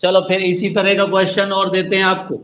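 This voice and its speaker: A man teaching an online exam-prep class, drawing words out slowly syllable by syllable and calling his students "beta", with an Indian English accent. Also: high-pitched, monotone, a bit bright. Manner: slow, drawn-out spelling of words, addresses students as "beta". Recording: dull lo-fi audio with faint noise.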